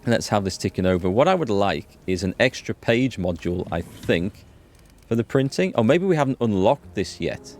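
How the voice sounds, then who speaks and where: This man hosts a laid-back let's play, explaining and thinking out loud, with music behind him and a slight hiss or hum on the recording. His fairly low voice has a sing-song lilt, a little mellow, at normal speed.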